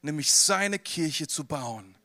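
A man with a high, bright voice preaching a sermon. He talks in a lively, conversational way and keeps turning to the listener with direct questions. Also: slow.

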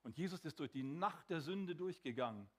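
A man preaches a dramatic sermon, swinging between emphatic lines and hushed ones and slowing down for emphasis. His voice is a little high, with lively intonation.

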